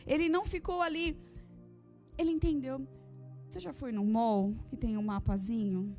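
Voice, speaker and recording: A woman pastor with a notably high voice preaches a fervent sermon, repeating key phrases and firing rhetorical questions at the women of her congregation. Soft music plays faintly behind her in the church. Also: fairly even intonation, normal speed. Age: adult with a daughter. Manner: addresses the women of the congregation directly. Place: church service.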